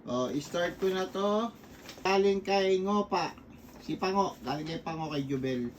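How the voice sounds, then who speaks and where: A man's voice: high voice, animated, a little slow. Joking man, casual co-host. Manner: joking, teasing banter. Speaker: vlog co-host. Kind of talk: casual gift-unboxing chat. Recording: distant mic, faint room noise.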